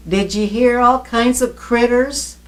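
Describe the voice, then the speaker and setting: A woman's voice: fairly high pitch, fairly even intonation, slow. A woman conducting a conversational oral history interview, attentive, with murmured acknowledgements and follow-up questions.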